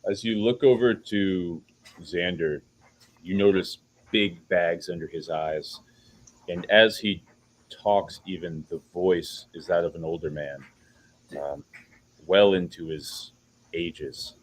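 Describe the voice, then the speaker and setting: A man improvising narration as game master of a tabletop game, telling it dramatically in halting short phrases. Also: low-pitched, slight background noise, low-quality recording.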